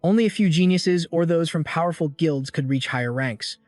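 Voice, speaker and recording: A man narrating a scripted story recap in a steady storytelling read. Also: on the high side, brisk, no echo, soft background music.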